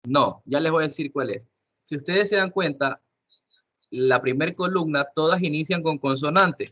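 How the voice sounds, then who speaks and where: A man's voice: a little high, moderate pace, fairly bright tone. A man teaching an English class online, explaining step by step, often repeating himself and checking with questions.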